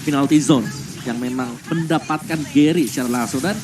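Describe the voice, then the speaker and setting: A man's voice: a little high, fairly quick, recorded from a distance, music in the background. A man giving analytical live commentary on an esports match as one of the casters.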